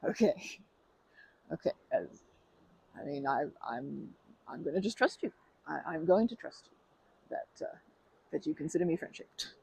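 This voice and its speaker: A woman whose voice sits low speaks at normal speed, expressive and darkish, with vocal fry and frequent pauses; the low-quality recording carries a little hiss or hum. Her ASMR roleplay casts her as a friendly stranger chatting with the listener, rambling and hesitant, repeatedly restarting and correcting herself earnestly. She stays friendly and earnest, laughing lightly.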